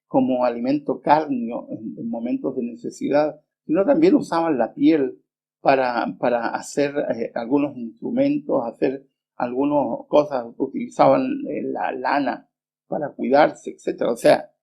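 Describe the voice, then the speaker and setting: Husky, gravelly preacher, middle-aged man. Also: mid-range voice. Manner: earnest, unhurried, with frequent pauses and "eh" hesitations. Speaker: preacher and Bible teacher. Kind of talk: sermon with personal storytelling. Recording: dull lo-fi remastered recording.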